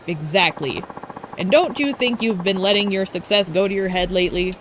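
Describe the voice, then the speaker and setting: A woman's voice: medium pitch, normal speed, background noise, natural voice. A woman voicing a bratty, arrogant young female rival idol who talks in a haughty, taunting, boastful way.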